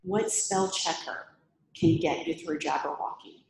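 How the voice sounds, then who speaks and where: A woman with a deep, gravelly voice speaks a little slowly while giving a humorous, chatty meetup talk with Q&A, full of lively self-deprecation. The echoey room carries slight background noise.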